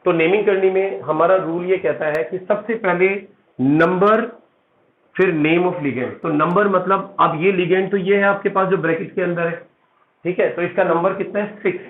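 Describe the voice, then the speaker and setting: A man's voice: sits high, moderate pace. A male chemistry teacher giving a classroom lecture, explaining step by step, calling his students "beta" and checking in with "theek hai". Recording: echoey room, tinny phone-like sound.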